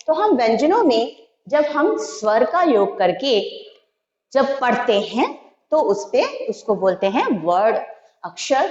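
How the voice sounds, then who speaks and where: Slow, patient woman teacher in an echoey room. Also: a little high. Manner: slow, patient, spells out syllables one by one. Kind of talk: Hindi alphabet lesson for young children. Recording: echoey room, dull lo-fi sound.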